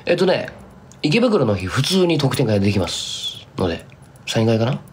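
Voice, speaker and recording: A young Kumamoto-born singer-songwriter streams live, chatting casually with fans and meandering into thick dialect from his hometown in Japan. His mid-range voice swings widely in pitch at a moderate pace, with slight background noise.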